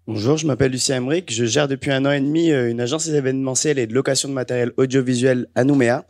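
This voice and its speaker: A man's voice: mid-range voice, fairly even intonation, rapid-fire, darkish tone, no echo, clean studio sound. A young man introducing his business project briefly, with a few hesitations. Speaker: student entrepreneur. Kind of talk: short self-introduction.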